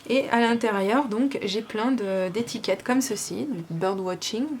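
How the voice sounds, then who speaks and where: A woman's voice: medium pitch, a little slow, darkish tone, a little hiss or hum. Gushing chatty French woman vlogger. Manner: gushing, chatty, many fillers. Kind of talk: casual unboxing chat.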